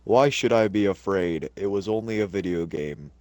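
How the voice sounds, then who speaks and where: Young man reading a story aloud, low voice. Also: moderate pace, a crowd in the background. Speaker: co-host reading a creepypasta aloud. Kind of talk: casual group reading of a story.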